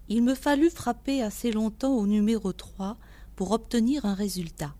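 A woman reading a story aloud in measured audiobook narration. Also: medium pitch, dark tone. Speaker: reader.

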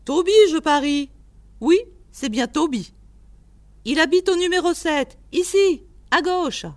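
A gruff old man who keeps a house full of animals, shouting and scolding in a high voice, put on by a woman reading a story aloud. He talks at an unhurried pace. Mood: chatty, welcoming. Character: cranky old male animal keeper, gruff.

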